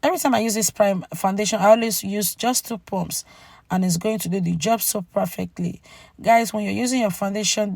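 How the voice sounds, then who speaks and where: Female beauty vlogger, casual voice-over, cracking gravelly voice from a cold, mid pitch, talks directly to viewers. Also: a little mellow, no echo. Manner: chatty, addresses viewers directly with tag "okay?". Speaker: beauty channel host. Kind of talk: makeup tutorial voice-over, casual narration.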